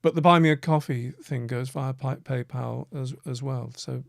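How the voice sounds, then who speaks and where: Gravelly, hesitant man on a live chat. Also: medium pitch, steady tone, moderate pace, no room sound, clean studio sound. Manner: hesitant, many fillers and restarts. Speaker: co-host.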